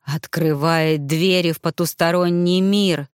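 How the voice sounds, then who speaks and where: A woman voicing the ghost of an old man, a medium, who speaks hoarsely in a slow, shaken way. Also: lowish voice, steady tone, no echo, clean studio sound, lightly acted. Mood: haunted. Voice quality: hoarse, wheezy.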